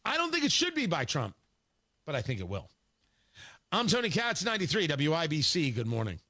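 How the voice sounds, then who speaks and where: A man's voice: fairly high pitch, wildly swooping pitch, a little fast, sharp tone. A man hosting a talk radio show, delivering a combative, scornful political monologue with frequent restarts.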